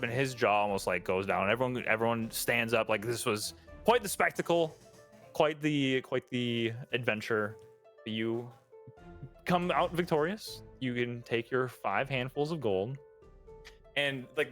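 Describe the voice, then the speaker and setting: A man runs a tabletop game, narrating scenes in a loose, rambling way with frequent restarts. His pitch sits in the middle range. Faint music plays under his voice. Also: moderate pace, fairly bright tone. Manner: rambling, restarts often, laughs. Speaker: game master.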